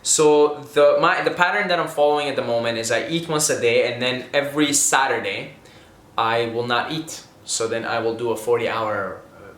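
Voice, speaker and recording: In an echoey room, a young man from Syria offers money tips straight to camera at a moderate pace, his mid-range voice fairly bright. He rambles earnestly, often breaking off to start over and adding "okay?".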